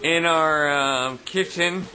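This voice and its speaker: A drunk, hiccuping man hosting a party in his new house, rambling and giggling slowly as he films on a handheld camera. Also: fairly high pitch, poor audio. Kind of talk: casual home video chat. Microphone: handheld camera mic.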